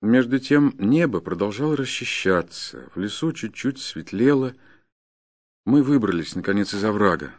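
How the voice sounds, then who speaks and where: A man reading a classic story aloud in a measured, even storytelling manner. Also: fairly low pitch. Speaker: narrator. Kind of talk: scripted narration of a classic story.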